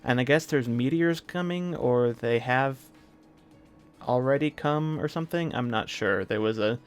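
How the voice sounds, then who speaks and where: A man live-streaming a video game, talking casually with a scratchy, hoarse throat and a rambling manner full of fillers and restarts. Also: mid-range voice, a little slow, faint music behind.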